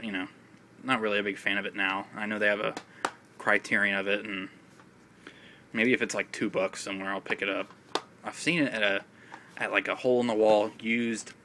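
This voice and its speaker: A film vlogger chats casually on video, rambling with lots of fillers in a raspy voice and coughing now and then. His pitch is low and fairly flat, though his tone has a bright, forward edge. The phone recording carries a faint noise behind him.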